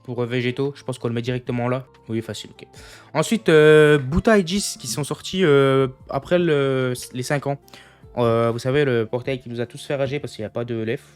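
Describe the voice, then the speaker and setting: A man's voice: medium pitch, fairly quick, smooth, soft background music. A young man streaming, chatting casually with his viewers and thinking aloud as he goes. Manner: thinks aloud, keeps addressing the chat as "les gars". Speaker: gaming streamer. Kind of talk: casual live chat with viewers.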